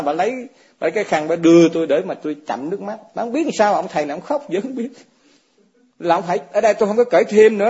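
A Buddhist monk with a high, husky, dark-toned voice gives a dharma talk to fellow monks, often chuckling and asking his listeners questions. The recording is dull and lo-fi.

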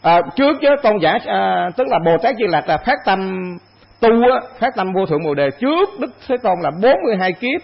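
A Buddhist monk teaches an assembly in a high, gravelly voice, posing rhetorical questions and answering them himself. The sound is husky and comes through a dull, lo-fi recording. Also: male voice, big pitch swings, normal speed. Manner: conversational, rhetorical questions, repeats phrases. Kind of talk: dharma talk to monastic assembly.

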